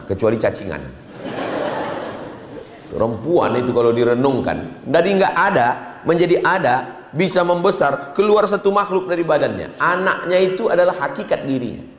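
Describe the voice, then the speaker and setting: Male preacher, comic storyteller, live in a reverberant hall with faint noise. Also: on the high side. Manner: joking storyteller who acts out dialogues. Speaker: Islamic preacher. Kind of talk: humorous sermon. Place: large hall with an audience.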